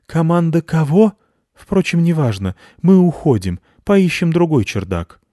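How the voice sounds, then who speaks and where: A man voicing a nervous male bat who leads a colony, squeaking and fussing in a storybook reading. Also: big pitch swings, measured pace, dark tone, dry recording, studio quality. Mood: flustered. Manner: high, squeaking, fussy and flustered.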